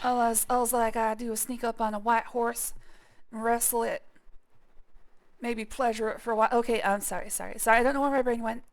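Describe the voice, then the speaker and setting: Chatty woman streamer, slightly high voice. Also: fairly even intonation, a little fast. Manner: chatty, joking asides and playful apologies. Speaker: game streamer. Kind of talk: casual let's-play commentary.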